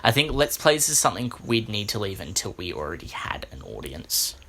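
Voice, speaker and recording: A young man co-hosting a casual podcast, relaxed and casually swearing. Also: fairly low pitch, brisk, creaky, a little hiss or hum. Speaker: podcast co-host.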